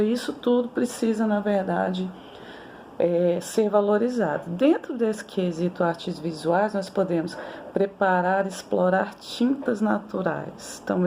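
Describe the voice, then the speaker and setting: A woman's voice: medium pitch, gravelly, a little mellow, slight background noise. A Brazilian woman in her forties giving a conversational lecture on teaching young children, often tagging her sentences with "né?". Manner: conversational, with frequent "né?" tags and restarts. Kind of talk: recorded lecture on early childhood education.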